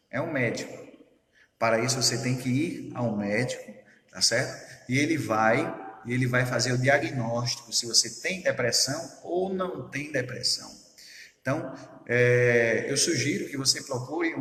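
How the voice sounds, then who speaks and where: A man's voice: medium pitch, sharp tone. A man preaching a sermon as a pastor, earnest and often checking in with his listeners. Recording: echoey hall reverb.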